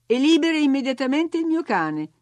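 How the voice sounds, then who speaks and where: A woman's voice: high voice, very animated, normal speed, a little mellow, dry recording, voice pushed up. A woman voicing a spoiled, imperious young girl who gives orders and grows indignant, in a storybook reading. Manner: bossy, indignant, whiny.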